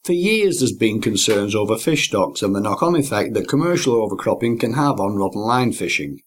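A man presenting and interviewing in a measured, articulate way, with carefully worded, scripted-sounding phrasing. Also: fairly low pitch, animated, a little hiss or hum.

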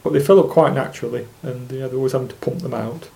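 Speaking at a quick pace in a creaky, mellow, medium-pitched voice, the specimen angler from Lancashire, England, rambles through off-the-cuff explanations as a podcast guest, loosely structured and musing.

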